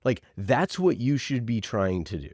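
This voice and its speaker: In clean studio sound with no room sound, a podcast producer serves as an interview guest, talking casually while making passionate, emphatic points and posing rhetorical questions. He has a mid-range, a little mellow, sing-song voice and a moderate pace.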